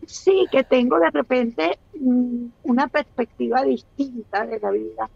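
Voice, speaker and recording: A woman's voice: a little high, unhurried, vocal fry, a little mellow, breathy edge, no echo, lo-fi sound. A Venezuelan woman in her sixties, a guest speaking on a video call, thoughtful and hesitant with many restarts. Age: 60s. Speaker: guest, actress. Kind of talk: casual interview chat.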